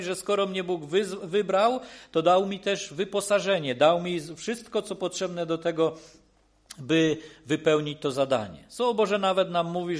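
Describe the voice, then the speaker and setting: Male preacher, sermon, a touch higher voice, halting, reassuring. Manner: halting, many restarts and repeated phrases; earnest, reassuring.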